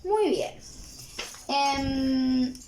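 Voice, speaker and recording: A woman teacher with a Uruguayan accent explaining a lesson to a student, often checking in with a quick "¿sí?". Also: high voice, a little hiss or hum. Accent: Uruguayan Spanish. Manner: warm, checks in with repeated "¿sí?". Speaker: language teacher. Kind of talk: recorded exam-prep lesson.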